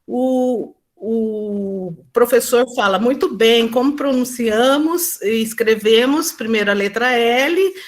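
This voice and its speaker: A woman with a slightly high voice recounts her classroom experience at an online teaching symposium. Her speech is tentative, with frequent fillers and restarts, and she plays out slow exchanges between teacher and pupil.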